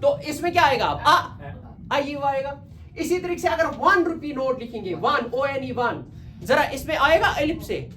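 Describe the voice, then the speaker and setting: A man's voice: very high-pitched, expressive, normal speed, pushed and bright. A man teaching English grammar to a class, repeating points and quizzing his students. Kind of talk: classroom lecture.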